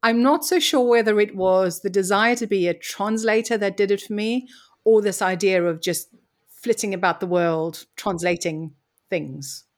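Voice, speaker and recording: A woman from Mozambique tells her story as a guest in a conversational interview, articulate and reflective. Her mid-range voice moves at a normal speed.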